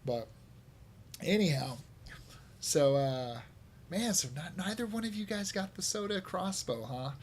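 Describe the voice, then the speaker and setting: A man's voice: high-pitched, expressive, a little slow, pauses often, slight background noise. A man hosting a casual gaming podcast, talking in long rambling stretches with plenty of fillers and laughter. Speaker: podcast host. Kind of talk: casual chat.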